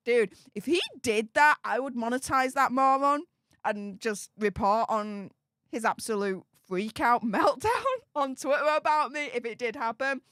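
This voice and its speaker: A Yorkshire woman hosts a casual YouTube livestream, chatting as she reads viewer comments from the live chat. Her voice is on the high side, unhurried and fairly bright, with a clean tone and dry, clean studio sound.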